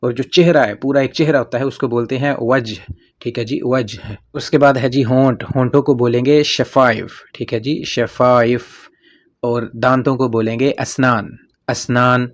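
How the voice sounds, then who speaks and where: A man with a Pakistani accent teaching vocabulary in a casual spoken lesson, patiently repeating each word and often pausing with fillers. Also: medium pitch, fairly even intonation. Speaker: language teacher.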